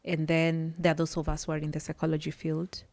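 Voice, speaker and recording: This woman's low, gravelly, slightly mellow voice comes out fast and completely flat, captured in a dry recording. A psychology worker appearing on a podcast, she shares personal testimony with earnest intent. She keeps groping for words and starting over.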